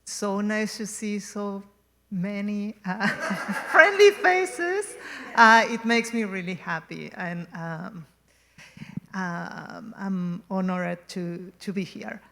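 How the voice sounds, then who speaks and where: A woman's voice: medium pitch, lively intonation, takes it slowly, vocal fry, a bit bright. A woman in her forties from Argentina giving a gallery talk as the guest artist, hesitant, with many ums and restarts. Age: 40s. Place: museum gallery.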